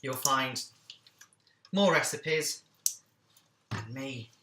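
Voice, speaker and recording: A man's voice: mid-range voice, expressive, very slow, sharp tone, echoey room, a little hiss or hum. A man hosting a casual cooking vlog, chatting along with jokey, self-deprecating asides.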